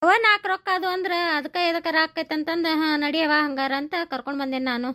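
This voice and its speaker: A woman's voice: sits high, quick pace, bright, forceful tone. A woman voicing a chatty, blunt middle-aged village woman in a comedy cartoon, with a North Karnataka Kannada accent. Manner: blunt, scolding, rustic. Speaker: cartoon voice actor.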